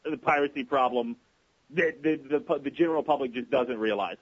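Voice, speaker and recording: A man's voice: mid-range voice, a little fast, slightly rough, dull audio. A male radio host asking questions in a plain, friendly manner. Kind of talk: radio interview.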